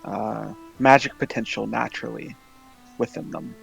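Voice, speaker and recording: A man speaking in character in a tabletop game, hesitant and halting with many pauses and fillers. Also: lowish voice, steady tone, creaky, soft background music, low-quality recording. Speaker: player. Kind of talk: in-character tabletop role-play.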